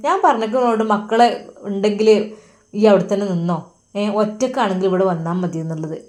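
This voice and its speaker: A woman's voice: mid-range voice, a little fast, darkish tone, lightly acted. A woman with a Malappuram Malayalam accent voicing a scornful, bossy older mother-in-law in a storybook tale. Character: arrogant, harsh older mother-in-law with a broken leg.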